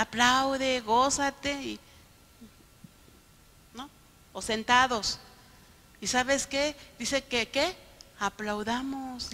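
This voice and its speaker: A woman pastor preaching a sermon, often checking in with the congregation with quick questions. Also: fairly high pitch, bright, forceful tone. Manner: keeps asking the congregation "¿no?". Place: church sanctuary. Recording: long reverb of a church hall.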